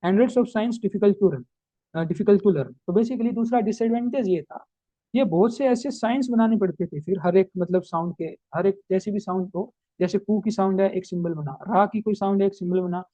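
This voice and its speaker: A man giving a history lesson as a teacher, explaining in Hindi mixed with English terms and reading English points slowly. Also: sits high, mellow, no echo, low-quality recording. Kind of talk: recorded class lecture.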